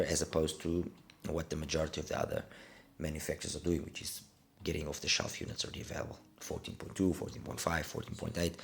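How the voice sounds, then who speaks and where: Congested from a cold, this middle-aged audio gear reviewer from Portugal speaks in a rumbling low voice with vocal fry. He delivers a casual product review haltingly, repeating words to stress his points.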